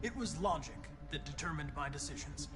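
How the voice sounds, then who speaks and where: An actor playing a male android detective in a video game, speaking in a too-smooth, even, precise way. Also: a little high, fairly quick, lightly acted. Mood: calm. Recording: game audio with music behind.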